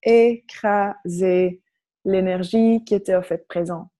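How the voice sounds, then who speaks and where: Flemish-accented woman speaking French, mellow voice. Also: medium pitch, fairly even intonation, takes it slowly. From Flanders, Belgium. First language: Flemish Dutch. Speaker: workshop facilitator. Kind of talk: guided visualisation and spiritual coaching to an online group.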